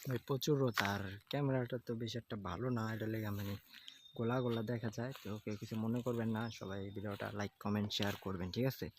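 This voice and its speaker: A man speaks in a lowish, fairly even voice, talking fast as background noise plays. He's a beginner vlogger rambling casually by the fields in the hot sun, recording on an old handheld phone and leaning on "okay?" constantly.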